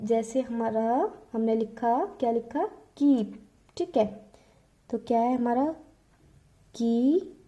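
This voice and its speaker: A woman leads a shorthand lesson in a patient, repetitive way and checks often that the class is following. Her voice sits fairly high but sounds soft and mellow. She asks questions and answers them herself as she explains. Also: takes it slowly, long pauses. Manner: patient, repeats and checks understanding with frequent "ठीक है". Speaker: shorthand teacher.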